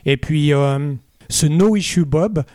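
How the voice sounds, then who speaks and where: Mellow-voiced man, rambling. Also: fairly high pitch, slow pace, no echo, clean studio sound. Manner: relaxed, rambling with fillers and asides. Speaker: musician guest. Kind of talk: casual interview talk.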